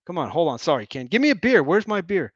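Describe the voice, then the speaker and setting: A man voicing a rowdy man who loudly and insistently demands a beer. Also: a little high, big pitch swings, quick pace, husky, no room sound, highs cut off. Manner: shouting, insistent.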